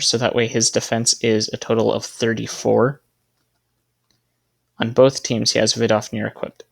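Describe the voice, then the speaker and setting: His voice is mid-range and gravelly. As a gaming video creator, he narrates casually while arranging a team, thinking aloud and correcting himself along the way.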